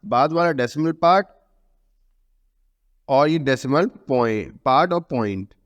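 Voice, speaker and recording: In a dull-sounding recording with long reverb, a male math teacher with an Indian English accent teaches in a medium-pitched voice, lively in intonation but a little slow. He repeats key terms, answers his own questions, and weaves English terms into Hindi.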